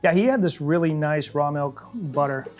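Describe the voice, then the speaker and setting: A woman's voice: low voice, lively intonation, moderate pace, darkish tone, soft background music. A woman co-hosting a cooking show, chatting casually and explaining technique, laughing easily, in a test kitchen studio. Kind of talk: casual cooking demo chat.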